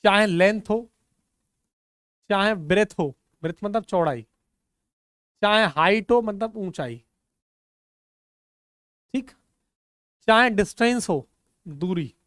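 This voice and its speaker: A man's voice: high-pitched, lively intonation, slow, long pauses, fairly bright tone, no room sound. Male physics teacher, dry close sound. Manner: repeats questions to the class and answers them himself; mixes English terms with Hindi, frequently checks understanding. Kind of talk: classroom lecture at a board.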